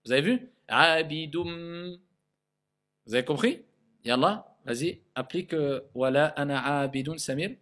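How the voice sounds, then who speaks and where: A man teaching a tajwid lesson, explaining the rules of Quran recitation in a patient classroom manner and repeating each Arabic word slowly for pronunciation. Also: mid-range voice, animated. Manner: checks in with frequent "d'accord?" and "ok?".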